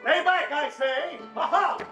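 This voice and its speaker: Hammy shakespearean actor, very high voice, music behind. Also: male voice, unhurried, sharp tone, roomy sound, dull audio, full character voice. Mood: declaiming. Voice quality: theatrical, declaiming.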